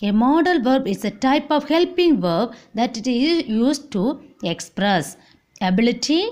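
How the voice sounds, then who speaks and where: Indian English woman teacher, lively high-ish voice, slow repetitive drilling. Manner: repetitive, drills words slowly, frequent "okay, see". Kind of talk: online classroom lesson.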